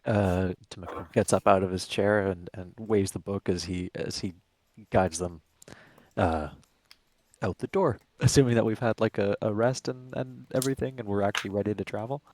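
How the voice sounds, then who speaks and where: A man's voice: fairly low pitch, moderate pace, a little mellow, dry recording. A man playing a tabletop game who describes his character's actions matter-of-factly. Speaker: player.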